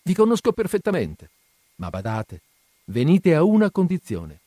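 An earnest young woman, as a man reads her, her voice lifted well above his own. She pleads frankly and keeps her guard, in a lively, rising and falling delivery on a dry, close storybook recording. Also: on the high side, normal speed, no echo, voice pushed up. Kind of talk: audiobook reading.

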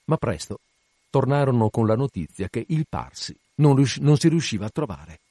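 A man narrating a classic novel in a measured, grave reading. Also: medium pitch, big pitch swings, warm tone, no room sound, studio quality.

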